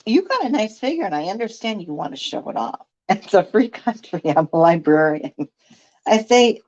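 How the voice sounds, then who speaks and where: A woman's voice: medium pitch, sing-song, normal speed, a little mellow, muffled recording, close to an everyday voice. A woman voicing a nosy, condescending middle-aged neighbor woman who chats and pries while reading a novel aloud. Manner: chatty, condescending, prying.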